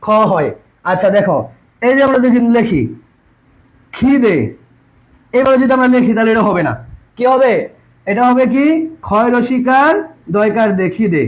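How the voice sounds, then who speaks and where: Guy teaching spelling online, very high voice, keeps repeating and quizzing. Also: normal speed, pauses often, poor audio. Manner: repetitive, asks students rhetorical questions. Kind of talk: online exam-prep lesson.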